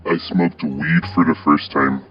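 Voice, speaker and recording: Man, very deep monotone, reads a countdown script; dull lo-fi sound with music under it. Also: unhurried. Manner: flat, plain reading with small stumbles. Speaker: countdown video host. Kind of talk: read countdown narration.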